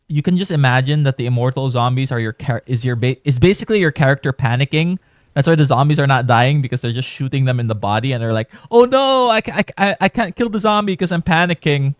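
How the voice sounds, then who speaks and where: A man's voice: medium pitch, no room sound. Chatty man streaming a game, dry sound. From Philippines. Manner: chatty, rambling, thinking aloud. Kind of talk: casual live gameplay commentary.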